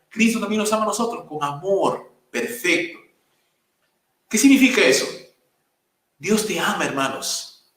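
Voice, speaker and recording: Emphatic pastor preaching in an echoey church. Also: male voice, high-pitched, pushed and bright. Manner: emphatic preaching with quoted exclamations and lists. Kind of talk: sermon. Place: church sanctuary. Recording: very echoey room, voice from a distance.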